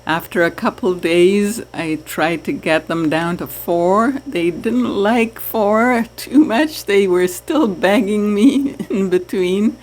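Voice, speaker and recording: A woman from Trinidad chatting casually to her viewers about keeping fish, with soft laughs. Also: mid-range voice. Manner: slow, chatty, laughs softly. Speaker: aquarium hobby vlogger. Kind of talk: casual chat to camera.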